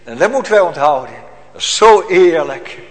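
A man's voice: a little high, animated, normal speed. A man preaching a solemn, emphatic sermon to his congregation in a church. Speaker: pastor. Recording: long church hall reverb.

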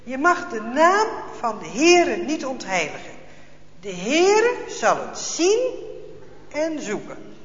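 A man voicing a calm, pious old grandfather who speaks gently and earnestly. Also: very high voice, unhurried, pauses often, voice pushed up, full character voice. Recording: echoey hall, dull lo-fi sound.

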